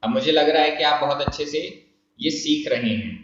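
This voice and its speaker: A man giving a spoken language tutorial, patient and methodical, slowly counting out syllables one by one. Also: a little high, a bit bright, a little hiss or hum. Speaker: Prakrit language teacher. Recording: echoey room, slightly dull sound.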